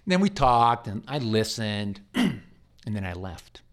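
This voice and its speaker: An American hospice chaplain tells a long story in a faith interview, earnest and rambling, repeating words as he goes, with a pastoral manner. His voice is lowish, slow and sing-song.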